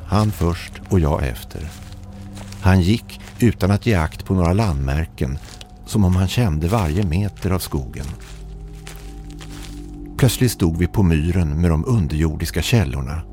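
A man reading an eerie first-person story aloud in a measured, calm narrating manner. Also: sits low.

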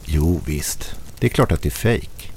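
A man's voice: extremely low pitch, expressive, a little mellow, slight background noise. A man reading a playful young woman storyteller. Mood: teasing. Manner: playful, theatrical. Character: young woman teasing storyteller among friends.

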